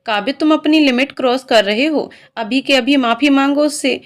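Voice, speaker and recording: A woman's voice: fairly high pitch, unhurried, natural voice. A woman reading the part of a firm but loving older mother of the household in a spoken story. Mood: scolding.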